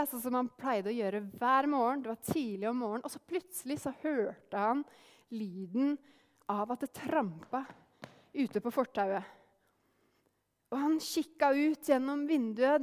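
A woman telling a folk story aloud, lively, acting out the characters' lines herself. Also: high voice, long reverb tail. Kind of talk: oral storytelling.

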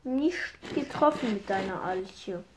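Woman playing a board game, slow and goofy, kinda sing-song. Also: mid-range voice, lively intonation, noisy background. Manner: playful, sing-song, jokes around. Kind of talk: casual game chat.

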